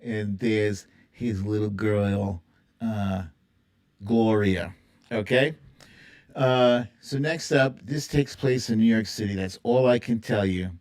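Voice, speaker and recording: Here the host's voice is mid-range, slow and somewhat dark. They run an informal TV theme quiz on a livestream, chatting casually with viewers, rambling, thinking out loud, and playfully slipping into humming and singing theme songs.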